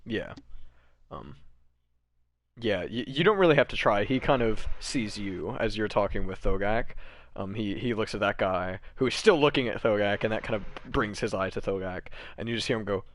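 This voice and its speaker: A man's voice: lowish voice, moderate pace. A man narrating as game master of a tabletop game, rambling with many fillers and laughing easily.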